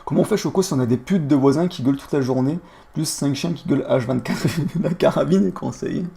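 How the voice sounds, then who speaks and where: Fast-talking gravelly young man ranting. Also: on the high side, warm tone. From France. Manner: vulgar, heated storytelling with street slang. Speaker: streamer. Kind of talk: casual live-stream rant.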